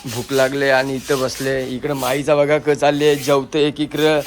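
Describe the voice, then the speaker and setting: A man from Maharashtra, India, chats directly to his viewers in a casual vlog, filming on a handheld phone as he moves around town outdoors and in his vehicle. His mid-range voice stays level and unhurried. The street recording is noisy.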